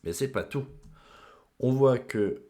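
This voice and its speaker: A man's voice: mid-range voice, takes it slowly, mellow. A man hosting an investing channel, talking through slides in a casual, chatty way, with many fillers and the odd self-mocking aside. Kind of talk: casual screen-share explainer.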